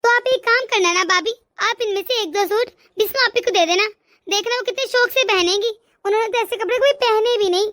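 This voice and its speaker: Lady voicing a stuck-up cartoon girl, super high voice, talks down to people. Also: fairly quick, a bit bright. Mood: haughty. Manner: haughty, dismissive. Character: snobbish young woman, proud of her standards. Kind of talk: cartoon voice acting.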